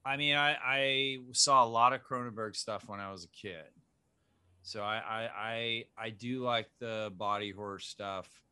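Man, filmmaker guest, low voice, bright tone, dry close sound, casual rambling chat. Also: measured pace, clear, resonant tone, no room sound. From Zimbabwe. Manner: rambling, animated, many restarts and fillers.

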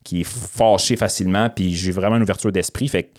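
Quebec French male co-host, low voice, talks quick and rambles on. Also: steady tone, a little mellow. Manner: fast, rambling explanations. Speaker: podcast co-host. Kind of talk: casual chat.

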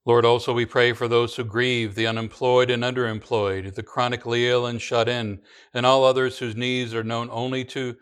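A man leading a congregation in the creed and prayers, reading in a slow, measured recitation with small restarts. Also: medium pitch, fairly bright tone, smooth. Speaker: pastor.

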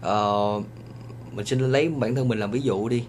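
A man from Vietnam with a Southern Vietnamese accent, giving casual advice in a chatty monologue full of drawn-out hesitations. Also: medium pitch, steady tone, slight background noise.

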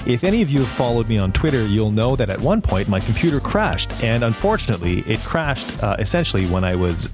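A man with a French accent hosts a podcast interview in a somewhat low voice. He sounds eager and talks in loose, rambling sentences full of restarts. Faint music sits under his speech. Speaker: podcast host.

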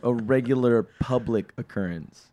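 A man's voice: mid-range voice, moderate pace, mellow, no echo. A young man chatting casually with friends, laid-back and rambling, swearing freely.

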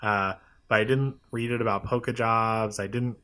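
A man's voice: lowish voice, fairly even intonation, normal speed, pushed and bright, clean tone. Young man musing, hedging in chat. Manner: thoughtful, hedging, frequent agreeing backchannels. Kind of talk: casual chat.

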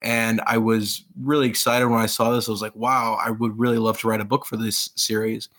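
A man's voice: lowish voice, flat delivery, brisk, fairly bright tone. Eager rambling man in his thirties. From grew up in Pakistan. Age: 30s. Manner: eager, rambling, with many fillers and restarts. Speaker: author being interviewed. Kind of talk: casual interview storytelling.

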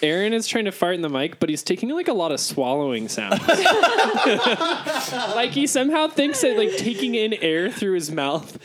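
A woman's voice: medium pitch, big pitch swings, moderate pace, a crowd in the background. A woman co-hosting a podcast, joking in a silly, playful way. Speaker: podcast co-host. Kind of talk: casual chat.

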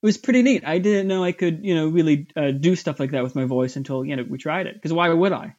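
A man chatting as an interview guest, his voice sitting a bit high and his speech halting, full of fillers and restarts. The recording sounds dull and lo-fi. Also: darkish tone. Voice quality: somewhat high voice. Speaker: voice actor guest. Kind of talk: casual interview chat.

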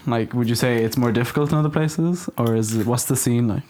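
A man's voice: medium pitch, fairly quick, darkish tone. Man hosting a casual chat. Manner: supportive, informal interjections. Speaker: podcast host.

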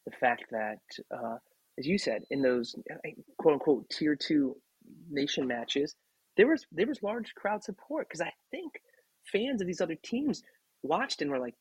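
A man's voice: fairly high pitch, slightly rough, dry recording, low-quality recording. A man hosting a casual sports podcast, chatting and often asking "right?". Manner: chatty, rhetorical questions with "right?". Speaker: podcast host. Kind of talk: casual rugby talk.

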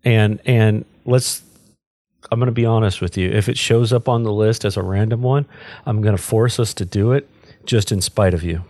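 A man's voice: fairly low pitch, fairly even intonation, moderate pace, a little mellow. A male podcast co-host who banters casually, teasing and pushing his point while sometimes chewing. His voice sounds dry and close, with no room echo. He comes across as playful and stubborn. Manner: teasing, pushy, eating while talking. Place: Texas.

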